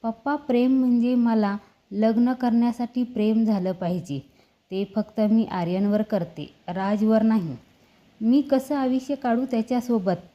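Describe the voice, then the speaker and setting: A woman voicing a young woman who pleads tearfully and speaks a little higher than her narration. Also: measured pace, mellow, dull audio, lightly acted. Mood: pleading. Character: young woman, a politician's daughter, in love and pleading.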